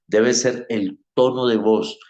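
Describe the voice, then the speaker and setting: A man teaching a homiletics class at church, speaking in a conversational way with frequent pauses and fillers. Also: mid-range voice, fairly even intonation, a little mellow, echoey room, lo-fi sound.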